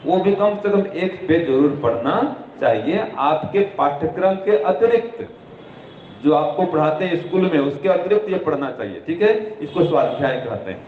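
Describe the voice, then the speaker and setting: A man's voice: fairly high pitch, lively intonation, moderate pace, a little hiss or hum. A man giving moral instruction to students in a didactic way, repeating his points and answering his own questions. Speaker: religious teacher addressing students. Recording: echoey room over a tinny phone-like line.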